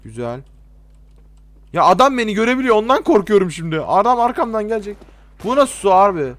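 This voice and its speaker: A man's voice: sits high, very animated, fairly quick, no echo. A young man with a Turkish accent commentating his own gameplay for his channel viewers, exasperated and swearing at the game. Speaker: gaming YouTuber.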